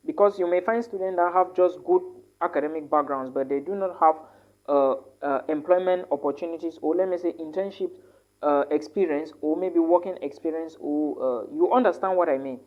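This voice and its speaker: A woman's voice: deep voice, dull audio. A woman giving casual advice on studying abroad, often checking in with "all right?" and correcting herself as she goes. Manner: tag questions like "all right?", many fillers and self-corrections. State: tired, yawning a lot. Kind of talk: casual advice talk to camera.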